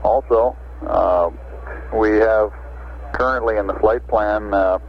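A fairly low-voiced American man talks procedure as a spaceflight communicator. He is businesslike and halting. His voice comes over a muffled radio link with faint noise behind it.

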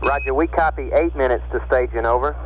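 A man's voice: medium pitch, a little fast. Male mission control communicator, mid-range, clipped astronaut-radio procedure, dull noisy transmission. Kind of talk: astronaut radio exchange, call signs and read-backs. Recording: muffled radio link with clear static noise.

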